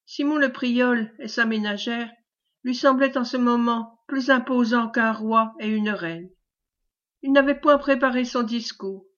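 A woman reads a classic novel aloud in a measured, storytelling voice. Her pitch sits fairly high. The recording is dull and lo-fi. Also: fairly bright tone. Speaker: audiobook reader. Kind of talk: scripted novel narration.

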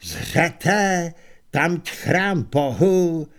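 A man voicing an elderly barbarian hero who speaks slowly and declaims his lines. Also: a little high, expressive, close to an everyday voice. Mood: declaiming.

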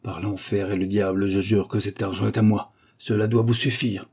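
A man voicing a menacing masked male avenger, hoarse, hissing and imperious as he makes his threats. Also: lowish voice, level tone, normal speed, darkish tone. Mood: commanding.

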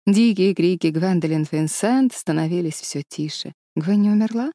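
A woman narrating an audiobook story in a calm, measured storytelling voice. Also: lowish voice, no room sound, clean studio sound.

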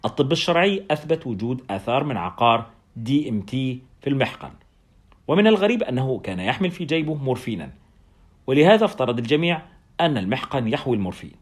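A man reads as a bearded German anesthetist, a talkative doctor who explains drug facts at a rapid clip. The lines come quick in a storybook reading, lifted a little above the narrator's own pitch. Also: very animated, breathy edge. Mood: explaining.

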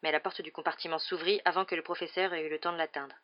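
A woman narrating an audiobook in a steady, measured reading voice, in a dull lo-fi recording. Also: low voice. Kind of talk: scripted narration.

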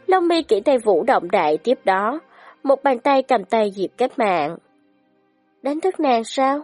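A woman reads a story aloud in a light, breathy voice that rises and falls with lively expression. Her delivery is dramatic and scripted, with faint music underneath. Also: on the high side, dry recording. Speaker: audiobook narrator.

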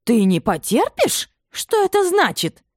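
A woman voicing an imperious, domineering aristocratic mother who scolds in a shrill, commanding tone. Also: very animated, normal speed, a little mellow, dry recording, studio quality. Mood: furious.

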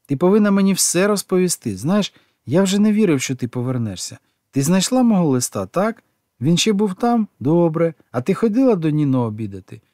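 A man voicing an excitable, warm-hearted famous storyteller who pours out question after question in an audiobook. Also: on the high side, no room sound, clean studio sound, pitched above the performer's own voice. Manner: gushing, rapid stream of questions.

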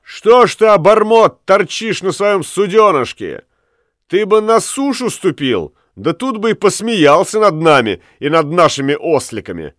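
A man doing a loud, taunting young prankster. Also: a little high, big pitch swings, a little slow, dry recording, studio quality, voice pushed up. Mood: mocking. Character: cocky young male prankster, mocking and boastful.

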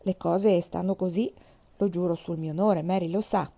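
A woman reading the part of a good-humored young country gentleman, speaking with jovial emphasis in a mellow voice. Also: fairly low pitch, steady tone, normal speed, vocal fry.

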